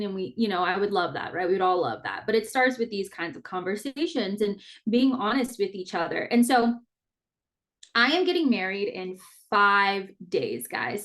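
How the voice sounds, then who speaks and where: A woman's voice: medium pitch, fairly bright tone. An earnest woman in her thirties speaks into a podcast microphone, candid and heartfelt. Her talk is casual and personal, loose with fillers, now and then a mild swear. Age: 30s. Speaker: podcast host.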